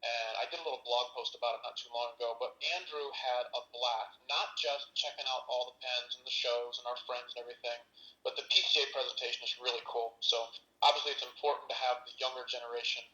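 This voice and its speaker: A man calling in as a guest, his voice metallic and tinny from a phone line played through a microphone, chatting casually with quick restarts. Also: medium pitch, fairly even intonation, bright, forceful tone. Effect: tinny, metallic phone-line sound. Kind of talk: casual chat. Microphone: phone call relayed through a room microphone. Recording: tinny phone call played over a speaker into a roomy mic.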